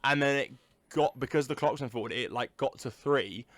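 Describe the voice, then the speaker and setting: A man's voice: mid-range voice, normal speed, a bit bright, no room sound. A young man co-hosting a podcast in casual chat, rambling with fillers and swearing freely. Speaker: podcast co-host. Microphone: video call recording.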